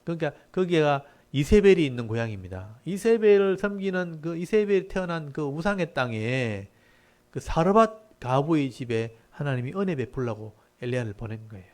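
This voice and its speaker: A man's voice: on the high side, big pitch swings, moderate pace, a little mellow. A male pastor giving a Bible lecture sermon, explaining verse by verse and briefly acting out mocking townspeople. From South Korea.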